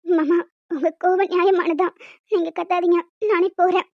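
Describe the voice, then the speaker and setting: A woman voicing a meek, tearful young cartoon woman who pleads and apologizes, in a very high, small voice. The recording is dull, dry and lo-fi. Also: level tone, normal speed, dry recording. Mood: pleading.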